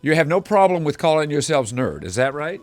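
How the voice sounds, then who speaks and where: A man's voice: fairly high pitch, big pitch swings, brisk, faint music behind. Upbeat male live-TV reporter. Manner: upbeat, playful, joking. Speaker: field reporter. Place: indoor game shop.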